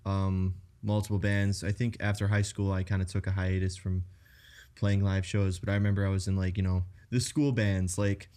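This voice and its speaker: A man in his early twenties, a band member guest, talking relaxed about his past bands. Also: low voice, moderate pace, smooth. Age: 20s. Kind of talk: casual interview chat.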